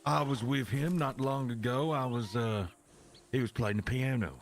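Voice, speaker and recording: A man's voice: mid-range voice, normal speed, slight background noise, lightly acted. A man voicing a folksy, foul-mouthed cowboy peacemaker who rambles and repeats himself in an improvised western role-play. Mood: cautious, persuading.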